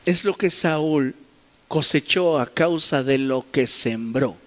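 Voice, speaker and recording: A male preacher with a fairly high voice delivers an emphatic sermon. He keeps asking his listeners pointed questions and acts out both sides of imagined conversations. His voice rings through a church hall with a long reverb. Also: slow pace. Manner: emphatic preaching, rhetorical questions, acted-out dialogue.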